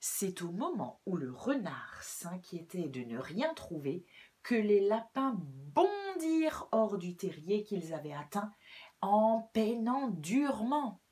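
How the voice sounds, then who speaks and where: A woman reading a storybook aloud for children, telling it gently and expressively with a breathy voice. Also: mid-range voice, very animated, takes it slowly.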